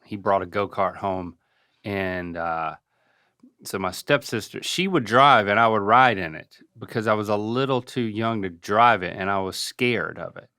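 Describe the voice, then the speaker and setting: A man's voice: on the low side, normal speed, sharp tone, clean tone, no echo, clean studio sound. A middle-aged man from North Carolina telling casual stories as a podcast co-host, with a wry, self-deprecating manner. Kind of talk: casual storytelling.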